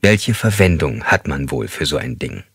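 A man voicing a calm, controlling male serial killer, speaking slowly and with menace. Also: rumbling low, husky, dry recording, clean studio sound, pitched below the performer's own voice, exaggerated voice. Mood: coldly calm. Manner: slow, measured and menacing, at times hissed.

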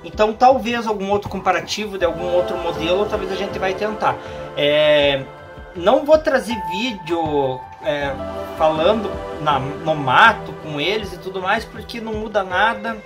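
A man's voice: high voice, lively intonation, moderate pace, over music. A Brazilian man in his thirties gives a casual product review to camera, speaking hesitantly and repeating phrases for emphasis. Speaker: YouTube gear reviewer. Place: small home office room indoors.

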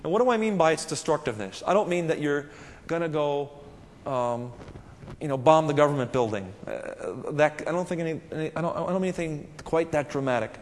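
A man's voice: a little high, a little fast, big-room sound. A man giving a spiritual lecture to a live audience, earnest and conversational, often putting questions to his listeners.

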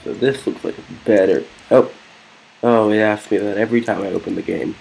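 A man with a low, gravelly voice talks through a video game in a loose, unscripted way. He rambles and hesitates often, filling the gaps with ums and uhs. It sounds like a casual gameplay commentary. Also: fairly even intonation, fairly quick, a little mellow, faint music behind. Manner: rambling and hesitant, many fillers. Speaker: let's play gamer.

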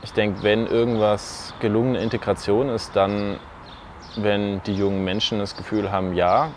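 Male youth worker, low-ish voice, measured and thoughtful, light outdoor noise. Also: flat delivery. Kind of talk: documentary interview.

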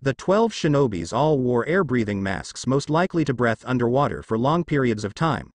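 A man narrating a fan-written story as a steady read-aloud. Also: mid-range voice, moderate pace, no echo. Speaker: fanfiction narrator. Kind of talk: scripted narration.

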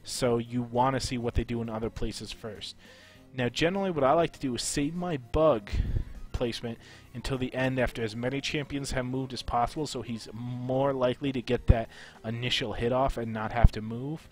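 A man talking through game tactics in a home voice-over, his voice a little off while he gets over being sick. He explains things in a relaxed, loose way, with plenty of "uh"s and restarts, at an ordinary pitch for a man. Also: moderate pace, faint music behind. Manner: relaxed, explanatory, with frequent fillers. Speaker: gaming channel host. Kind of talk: casual game strategy tutorial.

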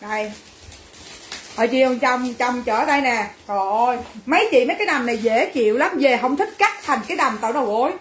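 A woman's voice: high voice, animated, brisk, roomy sound. A woman selling clothes on a livestream, brash and teasing as she banters with viewers. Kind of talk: livestream sales chat.

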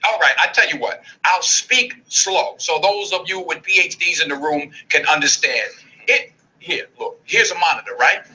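A pushy federal agent. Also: male voice, a little high, normal speed, bright, forceful tone, low-quality recording. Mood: exasperated. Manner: pushy, sarcastic, insistent questioning. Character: driven, impatient male federal agent. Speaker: investigator questioning scientists. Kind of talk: film drama dialogue.

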